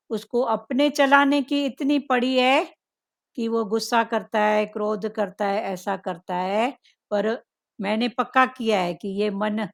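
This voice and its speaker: A woman giving a devotional talk to a group as a spiritual teacher, musing slowly with frequent "hmm" fillers. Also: mid-range voice, vocal fry.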